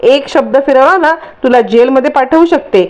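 A woman's voice: sits high, normal speed, a little mellow, lo-fi sound, voice pushed up, natural voice. A woman voicing an arrogant young impostor daughter who speaks in a defiant, haughty way in a storytelling recap.

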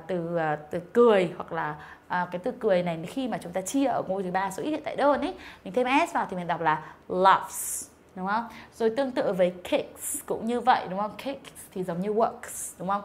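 A young woman teaching an online English lesson, patiently explaining and carefully modeling each sound, with frequent fillers and check-in questions to her pupils. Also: medium pitch.

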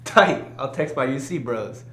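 A man's voice: mid-range voice, animated, measured pace, pushed and bright. Young party bro, played by a man, slangy and loose, roomy echo. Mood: slangy, eager. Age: young adult. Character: laid-back party-bro college roommate. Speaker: roommate Tyler.

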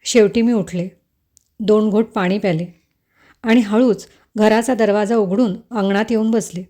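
A woman telling a first-person romance story in an intimate, unhurried scripted narration. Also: mid-range voice, steady tone, dark tone.

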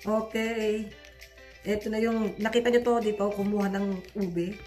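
Her mid-range voice is mellow and level and a little slow, with soft music in the background. A vlogger with a Filipino accent, she chats casually with viewers, calling them "guys," in a home cooking and gardening vlog, her voice slightly changed as she recovers from the flu.

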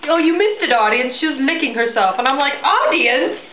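A young woman at an indoor party, teasing and joking excitedly with a friend holding a camera. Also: high voice, fast. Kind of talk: casual joking chat. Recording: echoey, tinny camera audio with hiss.

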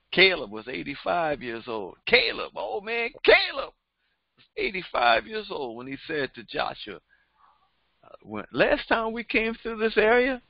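Using a headset mic in a small studio with a printed backdrop, an older pastor preaches a Bible lesson in a high voice with vocal fry. His cadence is fervent and repetitive, and the recording is dry and a little dull, with no room sound.

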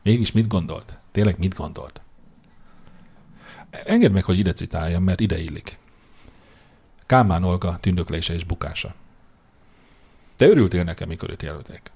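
A man's voice: low voice, creaky, mellow, husky. A man co-hosting a casual podcast, opinionated and teasing as he makes predictions and mocks public figures. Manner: opinionated, teasing, quick to mock. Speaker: podcast co-host. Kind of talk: casual political chat.

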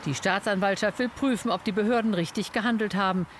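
A man with a notably high voice narrates a news report in a sober, measured tone. A faint hiss of background noise sits under the read. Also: fairly bright tone. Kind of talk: scripted news voice-over.

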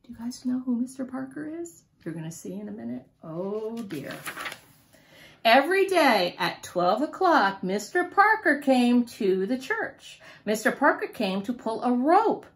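A woman reading a picture book aloud to a child in an animated, sing-song way, stopping to ask questions. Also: mid-range voice, a little hiss or hum. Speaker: storyteller for children.

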